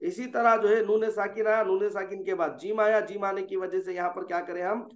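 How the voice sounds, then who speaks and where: A man's voice: high-pitched, fairly even intonation. A man teaching Quran recitation rules, explaining patiently and stopping often to ask whether students have understood. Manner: explains patiently, asks checking questions, slows for drawn-out examples. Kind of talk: online tajweed lesson. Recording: dull, echoey room sound.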